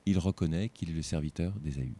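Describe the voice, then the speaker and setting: A man's voice: low voice, a little fast, mellow. A tired man teaching an informal Bible lesson, reading scripture aloud and breaking off for joking asides.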